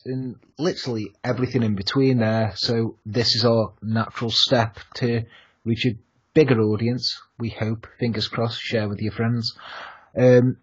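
A man's voice: mid-range voice, breathy edge, lo-fi sound. A man co-hosting a podcast in casual chat, teasing with dry humor over a video call. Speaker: podcast co-host.

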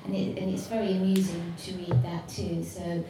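A woman's voice: on the low side, flat delivery, moderate pace. A woman on a book club panel, talking in a rambling, enthusiastic and casual way. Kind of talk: casual discussion. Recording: echoey room, mic far off, faint noise.

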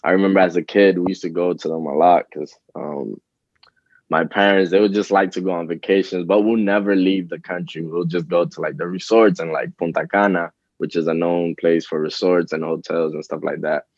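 A young man from the Dominican Republic, a rapper talking casually in an interview, relaxed and rambling with fillers. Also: sits low, brisk, dry recording, highs cut off. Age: young adult. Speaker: rapper guest.

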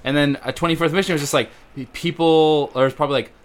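A man's voice: on the high side, fairly even intonation, quick pace, a little hiss or hum. A man co-hosting a podcast, talking in casual, joking banter about his evening. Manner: joking, laid-back banter. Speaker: podcast co-host. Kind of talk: casual chat.

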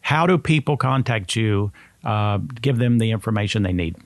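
Gravelly male podcast host, close and dry. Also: on the low side, normal speed, dry recording. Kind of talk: conversational podcast talk.

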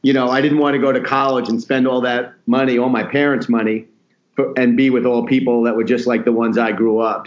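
An echoey, slightly dull recording of a middle-aged man. He speaks as an interview guest, in a casual storytelling way, at an ordinary male pitch. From Queens, New York. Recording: dull, roomy, echoey audio.

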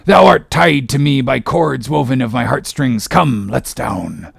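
A man's voice: medium pitch, unhurried, no room sound, full character voice. A man playing a grandiose, brooding, tormented whaling captain in a dramatic audiobook, with archaic, commanding speech. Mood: anguished, tender. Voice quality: gravelly, husky. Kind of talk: dramatic audiobook character reading.

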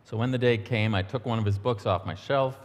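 A middle-aged man giving a relaxed, conversational sermon in church, telling stories with the odd um and aside. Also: on the low side, a little fast. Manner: relaxed, storytelling, a few ums and asides. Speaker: church minister. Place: church sanctuary. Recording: long church-hall reverb.

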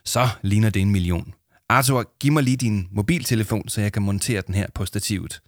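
A man's voice: lowish voice, no echo, studio quality, close to an everyday voice. A man reading a storybook aloud, voicing an easygoing, reassuring father. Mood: friendly. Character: calm, patient middle-aged father.

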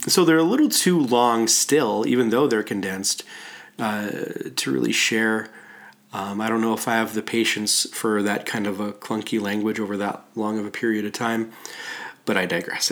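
A man's voice: fairly low pitch, a bit bright. A man with a congested, stuffy nose speaking as a podcast host. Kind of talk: informal podcast introduction and read-aloud story.

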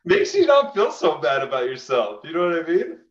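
Reading listener confessions on a podcast he co-hosts, a young man keeps laughing and saying "dude." His fairly high voice swings hugely in pitch and moves briskly, with soft background music. The recording sounds roomy and a bit dull.

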